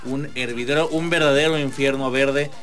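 A man's voice: mid-range voice, fairly even intonation, moderate pace, a bit bright, faint music behind. A Mexican man commenting on baseball on a sports radio show from a booth, in a confident, analytical way.

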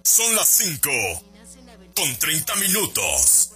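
Slow dramatic radio announcer man. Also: a little high, wildly swooping pitch. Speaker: station announcer. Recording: announcer over loud music.

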